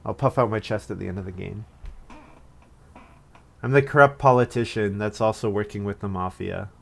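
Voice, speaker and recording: A man's voice: fairly low pitch, moderate pace, creaky. Casual man narrating his board game turns. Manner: thinking aloud, self-mocking, chuckles at his own moves. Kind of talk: casual play commentary.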